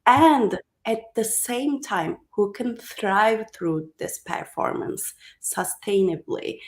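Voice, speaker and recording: Woman guest from Turkey, thirties, articulate conversational coach. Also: mid-range voice. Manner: articulate, uses "like" as filler. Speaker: guest, high performance coach. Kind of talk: casual podcast conversation.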